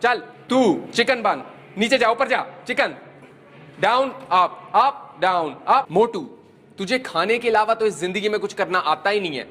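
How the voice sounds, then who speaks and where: A strict male schoolteacher, as a man puts him on, scolding his class sternly. The voice is high and sounds a bit far off in a roomy space. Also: expressive, unhurried, pushed and bright, full character voice. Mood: angry. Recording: roomy, distant home video.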